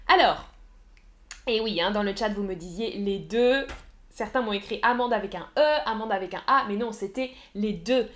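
Woman, French teacher on a live stream, slow and deliberate, slightly high voice, repeats key words for learners. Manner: slow, clear teacherly delivery with repetitions; chats with viewers in the chat. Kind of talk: live-stream language lesson.

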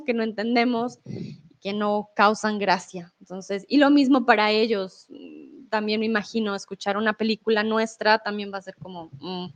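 A woman from Colombia with a Colombian accent, giving a casual live Spanish lesson and chatting with viewers. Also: a little high. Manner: chatty, explains with examples and asks "¿vale?". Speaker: Spanish teacher on a livestream.

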